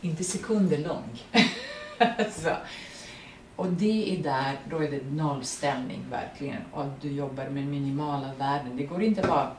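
Serbian-accented woman, animated and laughing. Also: sits low. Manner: animated, laughs often, searches for words. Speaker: guest actress. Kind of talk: public artist talk. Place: print workshop event room. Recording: roomy, distant mic, faint noise.

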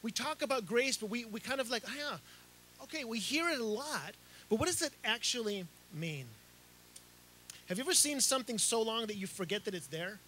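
A middle-aged pastor who grew up in Chile preaches a sermon into a handheld microphone outdoors beneath a canopy. His very high-pitched voice moves briskly and animatedly, with frequent repeats and restarts, and there's a little hiss or hum.

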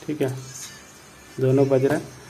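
Guy doing a repair how-to, steady monotone, keeps checking in with viewers. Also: mid-range voice, measured pace, soft background music. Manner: plain explanatory, repeats "ठीक है" and "दोस्तों". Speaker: repair tutorial host. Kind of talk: step-by-step repair tutorial.

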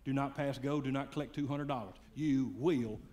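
A man preaching a sermon, swinging between loud fiery calls and hushed, quiet lines. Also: medium pitch, moderate pace, a little hiss or hum. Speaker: pastor.

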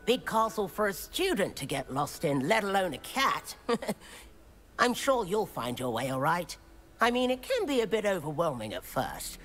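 Lively, friendly British schoolboy wizard. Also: male voice, high voice, measured pace, full character voice. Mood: welcoming. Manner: cheerful, welcoming. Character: friendly, enthusiastic teenage male wizard student. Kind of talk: video game dialogue.

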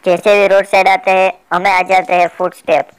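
A man hosts a comedic mobile gameplay commentary, teasing and playful as he fakes politeness toward the opponents he trolls. His voice is smooth and clean. He keeps a light, mischievous running patter throughout. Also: high voice, flat delivery, brisk, poor audio. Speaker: gaming channel host.

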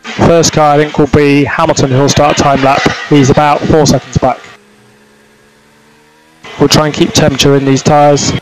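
A man's voice: on the high side, level tone, moderate pace, pauses often. A man working as a race engineer, giving terse, procedural race spotter callouts on traffic over team radio. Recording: noisy car-to-pit radio transmission.

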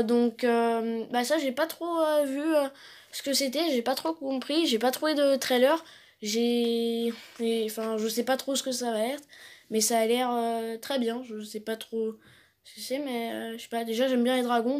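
A woman's voice: fairly high pitch, darkish tone. A woman casually recapping upcoming films as a vlogger, hesitant and rambling with many fillers.

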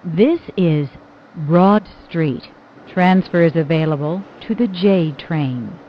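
Woman announcer heard over a train loudspeaker, slow and lilting, muffled sound. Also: fairly low pitch. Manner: measured, evenly spaced phrasing. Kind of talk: automated transit announcements. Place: inside a subway car. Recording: muffled train speaker audio.

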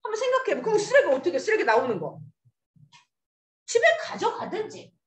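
A woman's voice: very high-pitched, sing-song, fairly quick. A woman teaching an English lesson to a class. She coaxes the students along and drills them with questions. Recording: echoey classroom.

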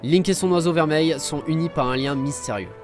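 A man's voice: on the high side, brisk, music in the background, lightly acted. A man reading as a wise old headmaster. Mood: solemn. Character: wise elderly male headmaster, calm and kindly. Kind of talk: reading game dialogue aloud.

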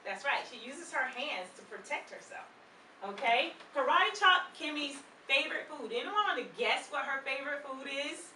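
A middle-aged presenter and author of children's books gives an interactive read-aloud in the children's room of a public library. Her voice is high-pitched and moderately paced, and she animatedly asks questions and invites the kids to repeat words. The sound is distant and echoey from a far camera, with room noise and children in the background.

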